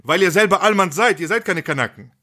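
Podcast co-host, man, husky voice, crude and blunt slang-heavy delivery. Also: high voice, lively intonation, fast, sharp tone. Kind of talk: casual podcast chat.

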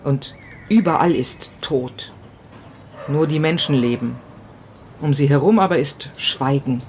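A woman reading the part of a grief-stricken, tormented man in a first-person literary novella, halting and repeating herself, dropping to whispers and rising in outbursts. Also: low voice, darkish tone, a little hiss or hum. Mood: grieving, desperate. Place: city balcony, outdoors.

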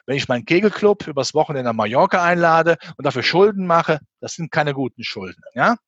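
Speaking a little fast and animatedly, this husky, higher-pitched Rhineland man, from western Germany by the Belgian and Dutch border, offers argumentative opinions on economics and finance as an interview guest. He leans on rhetorical questions; his fairly bright voice comes through muffled, without echo.

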